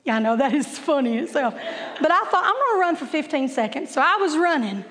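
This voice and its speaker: A woman's voice: high-pitched, big pitch swings, a little fast, fairly bright tone, in a large hall. A woman and kindergarten teacher, telling chatty, self-deprecating stories to a church group, laughing often and stuttering at times. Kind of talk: humorous storytelling talk.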